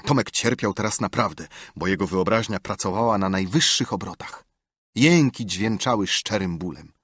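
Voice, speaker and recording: Husky, lively male audiobook narrator. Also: lowish voice, normal speed, dry recording, clean studio sound. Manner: expressive, lively storytelling. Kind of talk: scripted narration.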